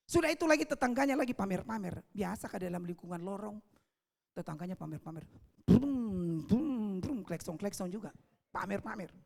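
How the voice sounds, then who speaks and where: A man's voice: extremely high pitch, vocal fry, fairly bright tone. A man, preaching a sermon as an evangelist at a church service, emphatic and repetitive, often calling out to the congregation. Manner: emphatic, repeats phrases, often calls out to the congregation.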